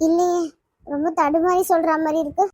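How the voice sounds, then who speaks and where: A woman's voice: extremely high pitch, steady tone, brisk, a little mellow, no room sound. A woman voicing a hurt, suspicious young woman who insistently questions her lover in a cartoon. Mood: accusing. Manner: accusing, insistent. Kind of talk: cartoon voice acting.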